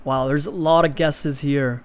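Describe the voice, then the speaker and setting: A man in his twenties from India hosts a livestream for an investing channel, chatting casually as he answers viewers' comments. His voice is fairly high, clear, and resonant, with a steady tone and an unhurried pace.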